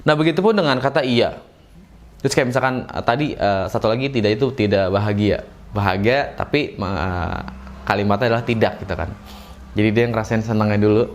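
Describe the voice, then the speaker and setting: A man gives a relaxed, chatty acting lesson and acts out short emotional examples as he goes. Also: on the low side, fairly quick, slight background noise. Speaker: acting teacher. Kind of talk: casual classroom-style lesson.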